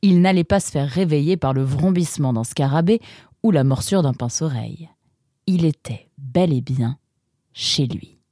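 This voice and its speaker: A man narrating a children's storybook episode in a lively, expressive reading voice. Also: on the high side, normal speed, dry recording, studio quality.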